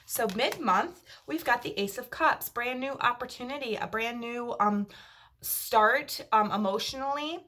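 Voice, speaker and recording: A woman giving a monthly tarot reading to camera, her voice a little creaky and tired after a long day, reassuring listeners as she goes. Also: fairly high pitch, unhurried, pushed and bright. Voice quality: slightly creaky. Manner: reassuring, checks in with "okay?". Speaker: tarot reader.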